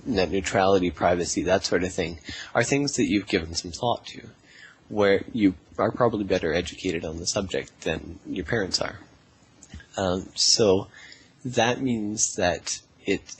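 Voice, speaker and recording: Deep-voiced young man, hesitant. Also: slightly rough, poor audio. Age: 20s. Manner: thoughtful, hesitant, many fillers. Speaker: political party representative, guest. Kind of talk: interview answers.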